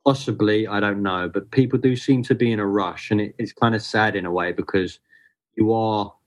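A guest photographer from Southeast London, a man in his 30s, talks earnestly and unhurriedly in a casual podcast conversation, sometimes restarting phrases. His voice is lowish with fairly even intonation.

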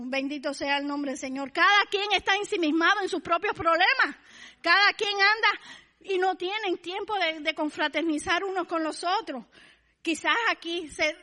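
High bright Cuban woman preaching in a hall. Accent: Cuban Spanish. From Cuba. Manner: fervent, repeats blessing refrain, acts out neighbors. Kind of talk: sermon.

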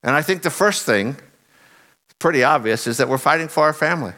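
A middle-aged man preaches a sermon earnestly, animated and fairly quick. His voice is a bit husky and lowered after loud singing, and he leans hard on key phrases.

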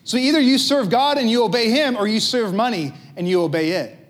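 A man, preaching a sermon in a lively, conversational, self-joking way. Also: very high-pitched, a little fast. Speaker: pastor.

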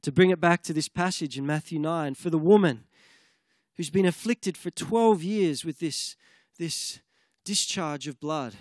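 A preacher delivers an earnest sermon a little slowly, his voice somewhat higher than most men's. At times he shifts into fervent spoken prayer, and the sound is dry and close with no room echo.

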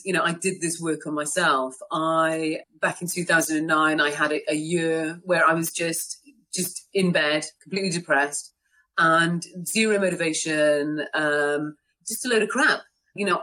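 A woman's voice: on the low side, fairly bright tone. A woman coaching a guided tapping exercise and chatting, soothing and encouraging, laughing often. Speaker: tapping and brain-training coach. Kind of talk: guided tapping and casual chat.

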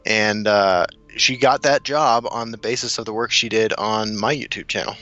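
A man's voice: on the low side, fairly even intonation, moderate pace, sharp tone, highs cut off, faint music behind. An American man co-hosting a casual chat, rambling and interrupting himself as he tells stories. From United States. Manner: rambling, self-interrupting storyteller. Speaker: co-host.

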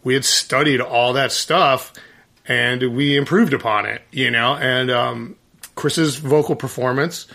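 Talking casually as a guest, the male singer of a band wanders through his thoughts with frequent fillers and false starts. His steady mid-range voice is gravelly, pushed and bright, delivered at a measured pace.

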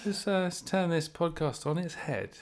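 A man's voice: a little high, normal speed. A man co-hosting a casual podcast, asking questions in a playful, teasing way. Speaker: podcast co-host.

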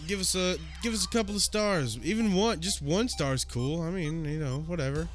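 A man's voice: a little high, moderate pace, soft background music. A man co-hosting a casual late-night podcast, laid-back and jokey. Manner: laid-back, jokey, sings snatches of songs. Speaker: podcast co-host.

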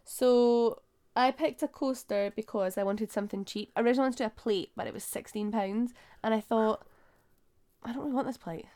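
Clear-voiced Scottish woman chatting casually. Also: fairly high pitch, steady tone, brisk, dark tone. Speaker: podcast co-host. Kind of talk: casual chat.

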